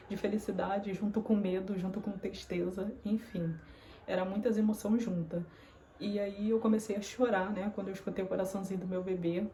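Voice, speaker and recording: A woman's voice: mid-range voice, mellow, slight background noise. A young woman vlogger telling a personal story to camera in an earnest, confiding way. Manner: earnest, confiding, acts out remembered dialogue.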